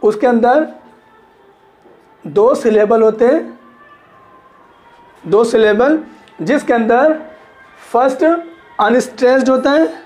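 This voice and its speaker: A man's voice: very high voice, slow, pauses often, a little mellow, soft background music. A man teaching literature in a classroom lecture, repeating points, checking understanding and stretching words to show stress.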